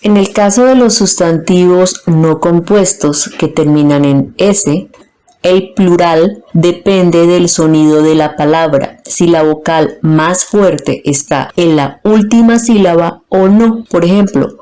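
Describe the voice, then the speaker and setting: Slow, low-voiced woman teacher. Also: mellow. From Colombia. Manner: slow, deliberate, splits words into their parts. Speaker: Spanish teacher. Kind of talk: scripted grammar lesson.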